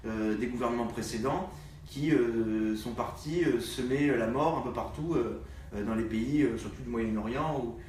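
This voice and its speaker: A man, a party activist, speaking in a live political discussion, halting with many fillers. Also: medium pitch, a little mellow, a little hiss or hum. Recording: distant echoey room sound.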